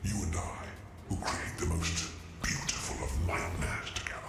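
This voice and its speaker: An actor playing a menacing, grandiose game villain obsessed with nightmares, speaking in a theatrical, brooding manner. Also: male voice, sits low, level tone, creaky, heavy background noise. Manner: slow, theatrical, brooding delivery. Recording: echoing, loud game music behind. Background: loud game music.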